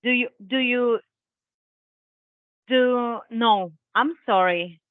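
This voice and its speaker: A woman works through English questions very slowly, stopping often with fillers. Her voice comes over a thin, tinny line that sounds like a phone call, dry and close. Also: a little high, no echo. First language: Spanish. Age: 30s. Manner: very slow, halting, with many fillers. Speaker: language student. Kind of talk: English speaking practice in class. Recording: tinny online call audio.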